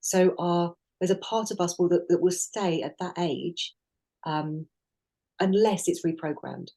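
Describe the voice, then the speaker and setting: In a casual conversational podcast, a middle-aged woman with a lowish, mellow voice talks through her experiences at an unhurried pace. Earnest and reflective, she often stops and restarts her sentences.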